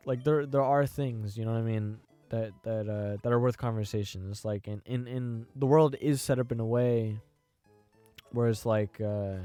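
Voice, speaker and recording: A man's voice: medium pitch, a little mellow, clean tone, no echo. A young American man hosting a podcast, talking through his opinions in a rambling, hesitant way and often checking in with "you know what I mean.". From United States. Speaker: podcast host. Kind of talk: casual opinion monologue.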